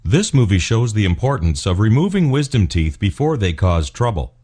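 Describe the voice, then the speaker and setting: A male narrator with a fairly low voice reads a scripted instructional piece. His delivery is formal and measured, yet the pitch moves in a lively way across each sentence. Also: slightly rough. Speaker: narrator of dental explainer videos.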